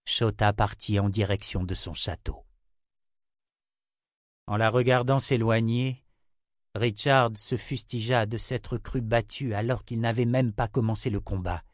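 A man narrating a fantasy novel in a steady, even storytelling voice. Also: lowish voice, measured pace, no room sound, clean studio sound. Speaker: audiobook narrator. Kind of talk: scripted narration.

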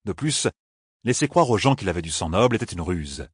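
Husky low-voiced man reading a story. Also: very animated, no echo, studio quality. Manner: measured storytelling, slowing for emphasis. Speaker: audiobook narrator. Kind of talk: scripted fantasy narration.

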